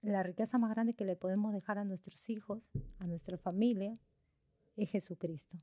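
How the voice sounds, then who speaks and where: A woman preaching through a family story, animated and full of fillers. Her voice sits in a middle pitch. The sound is dry and close, with no room echo. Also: normal speed. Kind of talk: storytelling sermon.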